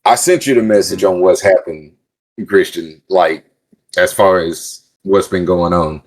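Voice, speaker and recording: A man's voice: deep voice, measured pace. A man co-hosting a casual podcast, venting heatedly and swearing a lot about a friend's blame. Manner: profane, venting, animated. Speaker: podcast co-host. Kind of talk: casual chat.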